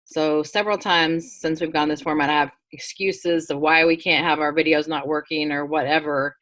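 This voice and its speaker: A woman's voice: low-pitched, steady tone, moderate pace, fairly bright tone. A woman instructor on a video call asking earnest, practical questions about classroom expectations.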